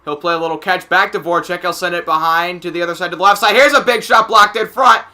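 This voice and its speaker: A man calling a hockey game casually, play by play, getting excited on big plays and chatting in asides with filler words. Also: sits high, fast talker. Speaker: amateur play-by-play commentator. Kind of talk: casual live game commentary.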